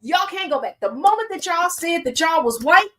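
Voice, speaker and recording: A woman's voice: extremely high pitch, lively intonation, moderate pace, fairly bright tone. A woman hosting a casual commentary show in a sassy way, often breaking into laughter. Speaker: host.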